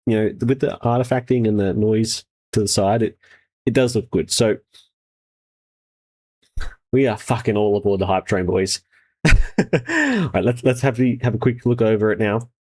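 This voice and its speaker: A man's voice: lowish voice, animated, normal speed, pauses often, a little mellow, slightly rough. A man hosting a casual trailer reaction with sweary, laddish, slangy enthusiasm. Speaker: host, game developer reviewing trailers.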